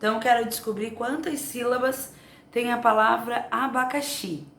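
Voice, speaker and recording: A woman teacher giving a remote lesson to young children, explaining slowly and patiently. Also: a little high, steady tone, vocal fry, fairly bright tone, slight background noise. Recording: echoey room, faint ambience.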